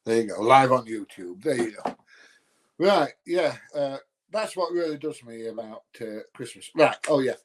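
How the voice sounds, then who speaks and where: An expressive man's voice at medium pitch and normal speed. He hosts a livestream, hails from Nottinghamshire, England, and has an accent near to Yorkshire. His replies to viewer comments are casual, blunt and full of grumbling dry humour.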